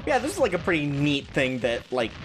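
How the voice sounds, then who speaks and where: A man's voice: on the high side, huge pitch swings, fairly quick, rough recording. A man co-hosting a let's play with casual, joking commentary. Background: video game music.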